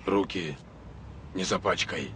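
Slow, mocking cynical man. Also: sits low, background noise.

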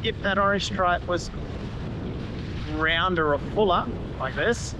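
A man's voice: high voice, slow. A man explaining sail trim in a casual, hands-on way while standing on the deck of a catamaran at sea, pointing things out as he goes. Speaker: sailing instructor. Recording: loud wind noise on the mic outdoors.

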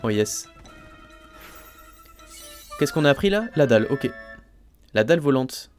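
A man casually commenting on his gameplay as a let's play host, thinking aloud, full of fillers and excited exclamations over each new find. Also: medium pitch, unhurried, faint music behind. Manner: chatty, thinks aloud, frequent "hein" and "euh" fillers.

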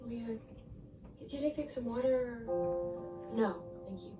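A woman's voice: on the high side, moderate pace, far from the mic, music in the background, natural voice. An actress playing a caring young woman who comforts her friends in a TV drama. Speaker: character in a TV drama. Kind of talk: scripted TV drama acting. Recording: TV audio heard from across a roomy space.

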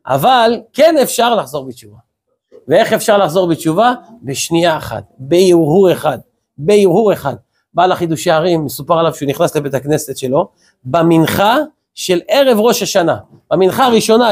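A man's voice: high voice, a little mellow, husky. A male rabbi preaching a sermon to a congregation, firing off rhetorical questions and telling stories with quoted exchanges. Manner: acts out short quoted exchanges in storytelling.

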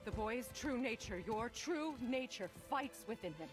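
An actress playing a grave, protective witch goddess and mother in a video game, speaking in a solemn, measured, firm way. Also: a little high, lively intonation, low-quality recording. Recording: game audio under music.

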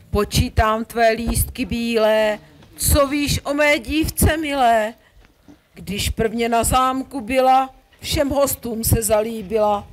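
High-voiced lovesick young prince played by a woman. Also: lightly acted, rough recording. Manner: declamatory, poetic. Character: lovesick, eager young prince, boyish and romantic. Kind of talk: theatrical puppet play in rhymed verse.

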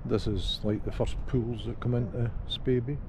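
A man's voice: medium pitch, steady tone, moderate pace. An older man with a Scottish accent, chatting casually with dry humour as a travel vlogger, in a car and outdoors by the sea, recorded on a handheld action camera. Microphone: action camera held at arm's length. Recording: wind and traffic noise. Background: car and outdoor ambience.

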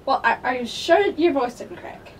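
Green Giant, bossy and lively by a woman. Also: high-pitched, normal speed, far from the mic, a little hiss or hum. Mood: exasperated. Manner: impatient, coaxing teacher, laughing at mistakes. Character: bossy jolly Green Giant, male, huge. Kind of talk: homemade comedy skit.

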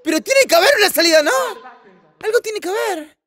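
A man giving casual, excitable commentary while playing a VR game, laughing often and shouting at the game. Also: extremely high pitch, a little fast. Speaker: gamer.

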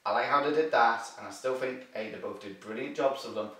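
A man hosting a casual movie review chat, talking excitably and rambling with lots of filler words. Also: medium pitch, a little fast. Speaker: host. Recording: echoey room, distant from the mic.

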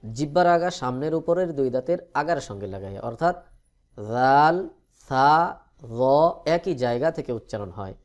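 A man teaching Quran reading, explaining letter sounds patiently and slowly stretching out each letter as a drill. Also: medium pitch, a little mellow. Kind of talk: recorded lesson on letter pronunciation.

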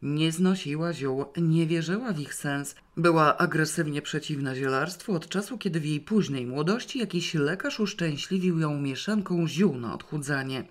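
A reader narrating a novel in the first person, with a wry, lively storytelling manner. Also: medium pitch, normal speed, few pauses. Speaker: audiobook reader.

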